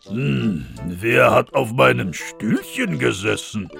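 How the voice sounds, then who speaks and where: An actor voicing small gruff dwarf miners, slow and grumbling, in a children's fairy tale reading. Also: male voice, mid-range voice, expressive, fairly bright tone, faint music behind, full character voice. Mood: puzzled.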